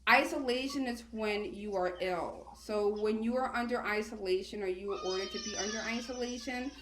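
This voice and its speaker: A woman's voice: mid-range voice, normal speed, noisy background. A woman, talking casually and chattily as a guest in an interview. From Queens, New York, United States. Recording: roomy, echoey sound.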